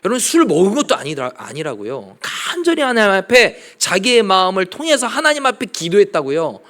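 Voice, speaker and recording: A man preaches a sermon at a church prayer meeting in a fairly high voice. His delivery is very animated, with wide swings in pitch. He brings quoted speech to life in changed voices and drops to a whisper for silent prayer. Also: brisk. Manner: lively, acts out quoted speech in different voices. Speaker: pastor. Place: church sanctuary.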